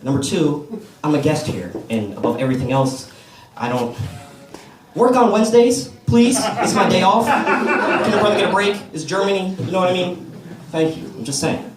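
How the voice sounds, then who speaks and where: Speaking at normal speed in a very animated, high voice, an American man does stand-up at an open mic in a comedy club. He spins relaxed stories and works the crowd while the background stays noisy, and distant, roomy audio picks up the audience's laughter.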